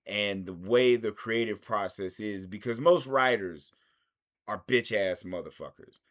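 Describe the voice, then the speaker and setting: A man's voice: on the low side, a little slow, fairly bright tone. A man reviewing films in a rambling, casual monologue, swearing constantly. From United States. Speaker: film reviewer.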